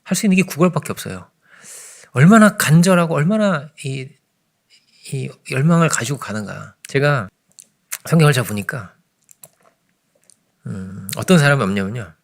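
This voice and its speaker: A man delivers an early morning sermon in a loose, talking style, keeps asking his listeners to agree, and drops suddenly from raised emphasis to hushed murmurs. His mid-pitched voice has a rough, gravelly edge. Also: lively intonation, normal speed, pauses often. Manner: conversational preaching, frequent "그죠?" asides, sudden swings between loud and hushed. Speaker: pastor.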